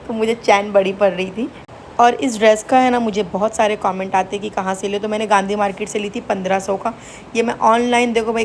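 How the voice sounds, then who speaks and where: A woman's voice: medium pitch, darkish tone, slight background noise. A young woman chatting to viewers in a casual home vlog, recorded indoors. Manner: chatty, addresses viewers directly. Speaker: vlogger.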